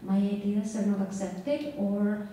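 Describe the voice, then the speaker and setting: A woman from Greece speaking earnestly at an open forum, pausing with fillers. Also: mid-range voice, little pitch movement, mellow. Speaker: symposium audience speaker. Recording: distant mic in echoey hall, faint noise.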